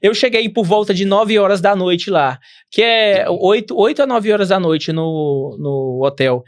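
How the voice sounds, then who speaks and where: A man's voice: high-pitched, measured pace. A man with a Brazilian Portuguese accent, a podcast guest telling a rambling travel story with many restarts. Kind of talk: casual interview.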